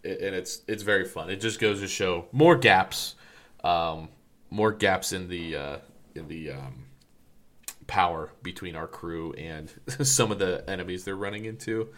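A man's voice: deep voice, measured pace, a bit bright. A man co-hosting a casual podcast, rambling with lots of fillers and restarts. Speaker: podcast co-host.

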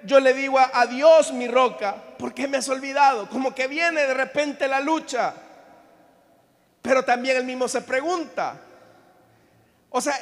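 A pastor from El Salvador with a Salvadoran Spanish accent, preaching a sermon that moves between fervent loud passages and soft, hushed ones. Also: male voice, very high-pitched. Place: church. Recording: reverberant church hall.

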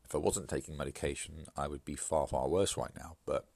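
On his solo podcast, the host works through an opinion piece in a measured, hesitant way, full of fillers and false starts. Hay fever leaves him congested and bunged up. His very deep voice is gravelly and somewhat dark, recorded with no room sound.

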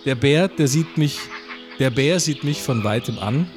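A man reading a mock-solemn poem in a dry, deadpan, halting way. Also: mid-range voice. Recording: music playing under the voice.

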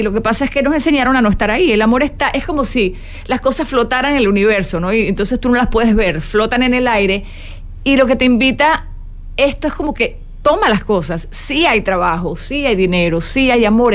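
A woman coaching her live audience with a playful, motivational manner, answering their questions and speaking straight to them. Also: on the high side. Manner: warm, playful, directly addressing viewers. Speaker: self-help coach. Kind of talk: motivational live talk to viewers.

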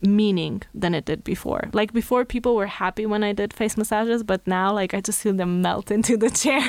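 A woman's voice: mid-range voice, fairly quick, no echo. A woman from Slovenia, a makeup artist, chatting casually as a podcast guest and laughing easily.

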